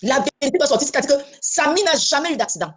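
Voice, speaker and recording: A woman's voice: high-pitched, very animated, racing. A woman from Cameroon living in France, talking bluntly and insistently in a casual online discussion, repeating her points. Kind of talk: heated casual chat. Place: lives in France.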